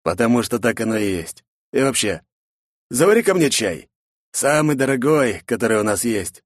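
A man's voice: mid-range voice, sing-song, moderate pace, no room sound, pitched above the performer's own voice. Audiobook figure: smug, grandiose villainous boss, read by a man. Dry close mic. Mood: lordly. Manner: lazy drawl turning to pompous speeches. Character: arrogant, callous male boss, grandiose and mocking. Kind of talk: audiobook character voice.

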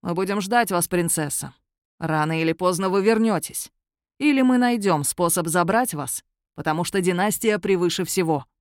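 A woman's voice: fairly low pitch, expressive, normal speed, dry recording, studio quality, natural voice. A woman voicing a stern bald male chief hunter in an audiobook, formal and insistent. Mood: solemn. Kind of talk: audiobook character voice.

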